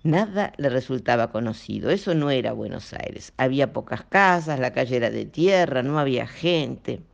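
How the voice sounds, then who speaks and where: A man narrates a story in an expressive voice. His pitch moves freely and a gravelly grain runs through his voice. The reading sounds like an audiobook. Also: moderate pace, highs cut off.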